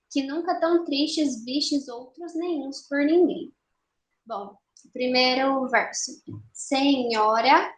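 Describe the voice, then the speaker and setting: A young woman teaching an online literature lesson, explaining patiently and slowing down to count syllables aloud. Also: high-pitched, fairly bright tone. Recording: roomy echo.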